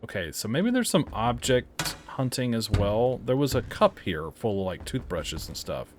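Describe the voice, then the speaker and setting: A man's voice: medium pitch, sing-song, normal speed, a little hiss or hum. A man casually commenting as he plays a horror game, thinking aloud, puzzled, with startled yelps and laughs. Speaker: game reviewer playing a horror game. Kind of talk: casual let's-play commentary.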